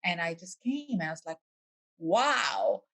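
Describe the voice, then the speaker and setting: A woman's voice: fairly low pitch, big pitch swings, unhurried, fairly bright tone. A middle-aged woman from Iraq, hosting the interview, speaking in a reflective, personal way over a video call. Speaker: host.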